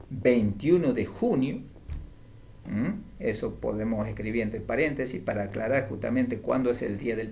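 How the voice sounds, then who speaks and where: A man's voice: on the high side, gravelly, mellow. A man teaching a grammar lesson, explaining patiently and often checking in with short "mm?" tags.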